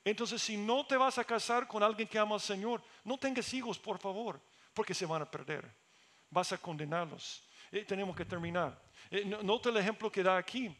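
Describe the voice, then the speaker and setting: High-voiced pastor preaching with fervor. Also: male voice, moderate pace, fairly bright tone. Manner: earnest, rising to emphatic peaks. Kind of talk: sermon.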